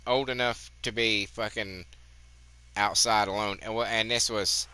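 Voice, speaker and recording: A man's voice: on the low side, steady tone, measured pace, bright, forceful tone, smooth. A man in his fifties hosting his gaming channel, rambling profanely in casual commentary, his voice a bit muffled by a cigarette. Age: 50s. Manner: rambling, profane, chatty asides.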